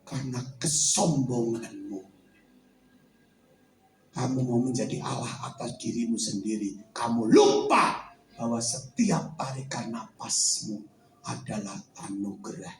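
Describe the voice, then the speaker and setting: A man voicing God, hushed and solemn. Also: medium pitch, lively intonation, unhurried, echoey room, recorded from a distance, soft background music, pitched below the performer's own voice, poor audio. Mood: solemn rebuke. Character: God, a calm, stern fatherly male divine voice.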